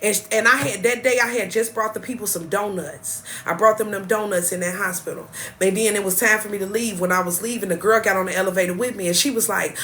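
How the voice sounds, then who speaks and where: A woman's voice: medium pitch, fast talker, few pauses, a bit bright, a little hiss or hum. A woman hosting a livestream, giving a spiritual motivational talk in a preachy, repetitive, casual storytelling manner. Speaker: livestream host.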